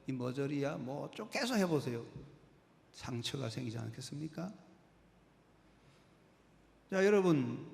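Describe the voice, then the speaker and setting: A man's voice: fairly high pitch, vocal fry. A male pastor preaching a sermon, asking the congregation questions and acting out the voices of critics. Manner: preaching with dramatic acted quotes and rhetorical questions. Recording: long hall reverb.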